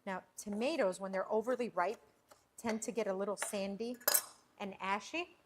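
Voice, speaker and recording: A woman's voice: medium pitch, moderate pace, a little hiss or hum. A woman hosting a casual cooking livestream from her home kitchen, chatting and rambling with frequent restarts as she preps food. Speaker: cooking show host.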